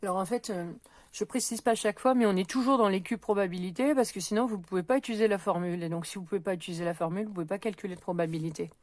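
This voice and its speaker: Correcting probability exercises aloud in a recorded middle school math lesson, a woman works step by step, counting and pointing things out with many small hesitations and frequent "euh" and "donc." She's patient but speaks very fast, with a medium pitch and no echo.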